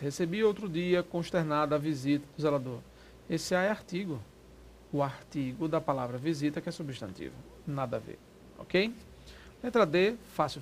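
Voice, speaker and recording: A man teaching a Portuguese exam prep lesson in a lively, quick, informal way, often checking that the class follows. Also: fairly high pitch, a little hiss or hum.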